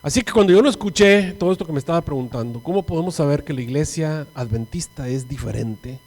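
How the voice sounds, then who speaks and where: A male pastor with a Mexican Spanish accent preaching a storytelling sermon, dramatic and swinging from hushed to loud. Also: fairly high pitch, lively intonation, fast talker. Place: church. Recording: long church hall reverb.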